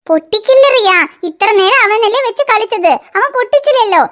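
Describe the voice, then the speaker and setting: A woman's voice: very high voice, animated, fairly quick, a bit bright. A woman voicing a busy young mother in a cartoon, firm and scolding toward her children. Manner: scolding, threatening tone. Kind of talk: cartoon voice acting.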